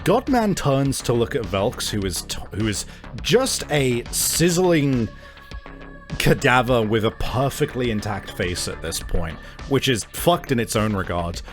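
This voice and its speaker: A man's voice: mid-range voice, sing-song, measured pace, soft background music. A man running a tabletop game as game master, talking casually with frequent swearing and fillers.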